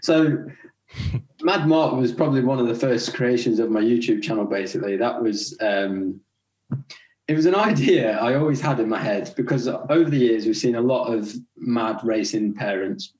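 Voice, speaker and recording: Here the audio is poor and the room echoes as a young man, a racing rider, talks at a moderate pace in a mid-range voice. English-accented and partly raised in Scotland, he's a relaxed, chatty podcast guest who laughs through his stories during a casual interview.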